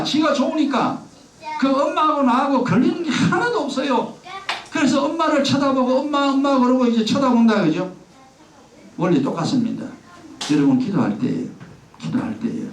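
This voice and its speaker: Pastor preaching in an echoey church. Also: male voice, high voice, a little hiss or hum. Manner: conversational, acts out a child's pleading voice. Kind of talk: sermon. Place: church sanctuary. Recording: echoey church sound from a distance.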